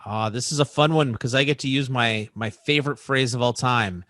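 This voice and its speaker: A man's voice: mid-range voice, fairly quick, a bit bright, dry recording. Chatty man explaining tech, dry sound. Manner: chatty, uses many fillers. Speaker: technical expert answering questions. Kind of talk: casual technical explainer.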